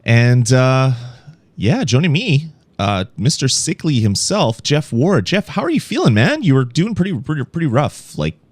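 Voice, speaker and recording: A man hosting a podcast in casual, joking chat, rambling and animated. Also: mid-range voice, moderate pace, dry recording. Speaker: podcast host.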